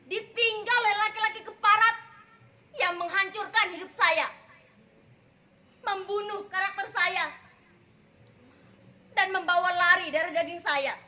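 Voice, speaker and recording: A woman performing a theatrical stage monologue as a wronged young mother turned bitter, defiant avenger, declaiming slowly. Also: extremely high pitch, bright, forceful tone, full character voice. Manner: slow, declamatory theatrical delivery.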